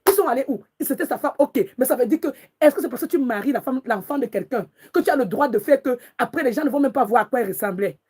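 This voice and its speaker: A woman's voice: sits high, lively intonation, quick pace, few pauses, a little mellow, breathy edge. A woman prophetess, angrily preaching and calling out to God. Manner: angry, emotional, repetitive, calls out to God. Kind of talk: impassioned preaching rant.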